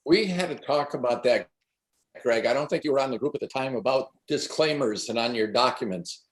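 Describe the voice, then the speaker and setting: A man's voice: medium pitch, fairly quick, echoey room. A man in the shower door trade, chatting emphatically and repeating himself for effect. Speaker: shower door installer on a panel. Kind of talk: casual shop talk.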